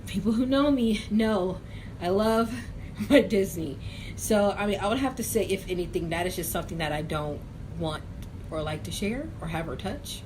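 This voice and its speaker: A young woman hosting a casual question-and-answer vlog, chatty and hedging, with drawn-out phrasing. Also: medium pitch, darkish tone. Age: young adult. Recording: noisy room ambience.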